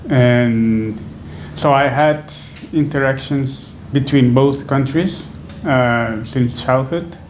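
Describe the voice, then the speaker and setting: A Venezuelan man in his twenties with a darkish, mid-range voice answers interview questions thoughtfully but haltingly, using many fillers and restarts. He is seated on a sofa in a small room, speaking into a stand microphone, with slight background noise.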